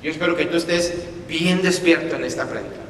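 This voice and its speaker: A man preaching a sermon with emphatic repetition, swinging between loud and soft, in a church hall. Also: a little fast. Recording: echoey hall from far off, faint rumble.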